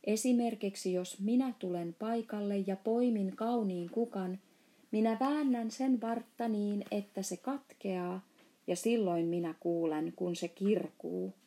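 A woman's voice: mid-range voice, dark tone, natural voice. A woman voicing a big, kind male giant who speaks in broken grammar and made-up words, read aloud from a storybook.

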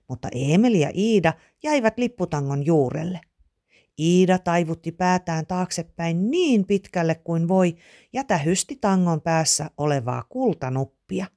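A woman reads a children's storybook aloud. Her voice sits low, but her pitch swings widely. She tells the story in an animated, expressive way. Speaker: narrator.

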